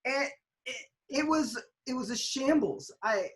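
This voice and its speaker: A woman in casual podcast chat, retelling a soccer match in an animated play-by-play way with lots of restarts and emphasis. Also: high voice, unhurried.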